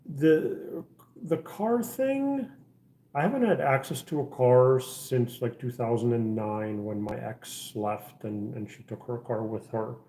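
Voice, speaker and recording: A man's voice: medium pitch, slow pace, warm tone, a little hiss or hum. Rambling middle-aged man, echoey room. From Czech Republic. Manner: rambling, many fillers and restarts. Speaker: livestream host. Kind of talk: casual livestream chat. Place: house interior.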